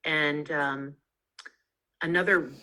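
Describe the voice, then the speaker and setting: A woman's voice: deep voice, steady tone, takes it slowly, sharp tone, rough recording. A woman author being interviewed over a video call, talking in a chatty way with many ums and restarts. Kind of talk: casual interview chat. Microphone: video call mic.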